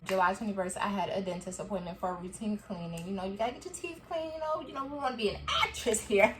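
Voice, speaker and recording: A young woman chatting to camera in a casual review vlog, animated and quick to laugh, acting out what people said to her. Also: medium pitch, noisy background. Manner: chatty and animated, laughs often, acts out quoted dialogue. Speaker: vlogger.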